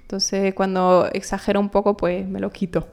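Speaking at normal speed in a mid-range, level voice, this young adult Canary Islands actress sounds creaky yet clear, with a darkish, resonant tone. As a guest in a casual interview chat, she talks expressively and thoughtfully, often restarting her sentences.

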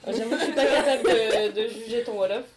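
A woman in casual chat among friends, reacting quickly and dropping playful quips. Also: fairly high pitch, a loud crowd. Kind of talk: casual chat about a book.

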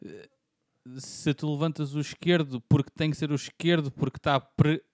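A young man with a European Portuguese accent banters on a podcast, cutting in with quick jokes and questions. His voice is a bit high and recorded dry and close. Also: steady tone, a little mellow, no echo. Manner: jokey, quick interjections and questions. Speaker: podcast co-host. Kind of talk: casual chat.

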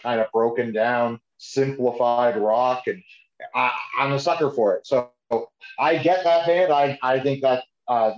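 A man co-hosts a podcast in a loose, informal chat about music, talking as if to a pal. His voice sits at a middling pitch. The sound is echoey and slightly dull. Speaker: podcast co-host.

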